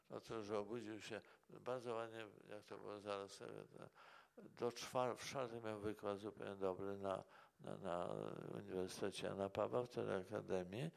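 Brief: low, gravelly-voiced male monk, rambling interview answers full of "right?" tags. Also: fairly even intonation, normal speed. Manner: rambling, tags remarks with "prawda?". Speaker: monk and priest.

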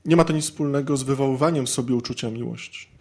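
A man's voice: mid-range voice, quick pace, darkish tone. A man giving an informal, humorous talk to an audience of men, chatty and constantly adding little tag questions as he acts out everyday scenes. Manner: conversational, peppers sentences with tag questions. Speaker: speaker addressing men about marriage.

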